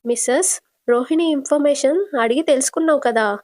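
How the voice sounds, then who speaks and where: Brisk boss-doctor, questioning tone, fairly high voice, as a woman storyteller plays her; retold serial. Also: a little mellow, no echo, lightly acted. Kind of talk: casual retelling of a TV serial.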